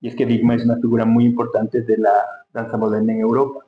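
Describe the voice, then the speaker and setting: Fast and completely flat, a medium-pitched man with an Ecuadorian accent reflects casually as an interview guest, working through his thoughts aloud. A faint hum runs under the roomy, dull recording.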